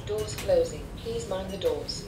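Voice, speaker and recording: A recorded woman's voice giving automated lift announcements over a loudspeaker, in flat, clipped phrases. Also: medium pitch, unhurried. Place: inside a glass lift in a public building. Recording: lift speaker off-mic, clear crowd noise.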